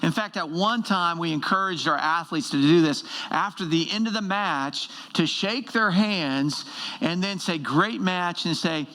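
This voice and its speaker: A middle-aged man preaches a sermon in a slightly raised register with a gravelly edge to his voice. He tells stories with animated energy and repeats key lines for emphasis. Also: fairly high pitch, a little slow. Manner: animated storytelling with emphatic repetition. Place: church service.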